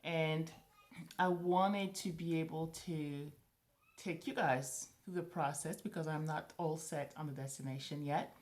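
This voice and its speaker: A woman's voice: deep voice, steady tone, measured pace, a little mellow. A woman in her thirties, raised in Morocco and a native French speaker, chatting casually to camera as a vlogger and thinking aloud with restarts.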